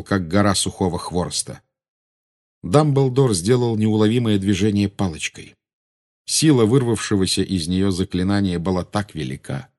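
A man narrating an audiobook in a measured, dramatic reading style. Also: on the low side, darkish tone.

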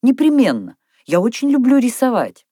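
A woman reading a storybook puts on a chatty young girl who talks eagerly about drawing and books, her voice raised high above the reader's own and carried with strong swings of pitch. The tone is bright and eager. The recording is dry and close. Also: wildly swooping pitch, normal speed, slightly rough, no echo, exaggerated voice. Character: lively chatty young girl, dreamy artist.

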